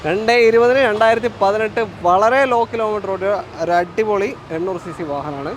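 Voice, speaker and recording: A man's voice: sits high, a little fast. A man with a Kerala Malayali accent hosting an unscripted used-car showcase, mixing Malayalam with English words and repeating back details. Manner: repeats and confirms what he is told. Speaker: used-car video host. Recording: clearly noisy outdoor street-side sound.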